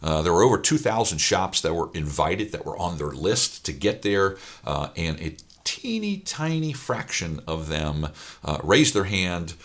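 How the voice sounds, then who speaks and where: Speaking straight into the camera, this Ohio man coaches auto repair shop owners in a deep, very animated, unhurried voice. He is middle-aged and raspy, hoarse from a weekend of talking, and he drives his points home emphatically, repeating them and using many fillers.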